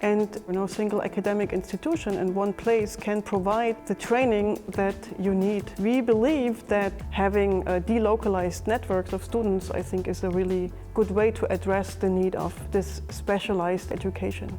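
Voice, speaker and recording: A middle-aged woman who is a physics professor and project coordinator gives measured explanations in a documentary interview. Her mid-range voice is steady and mellow, with faint music behind.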